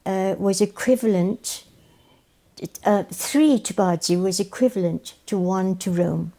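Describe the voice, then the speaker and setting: With a mellow, medium-pitched voice at a measured pace, an older Welsh-speaking woman from Wales reminisces in an interview, appearing as a guest and educator. Her storytelling is warm, and she repeats phrases for emphasis.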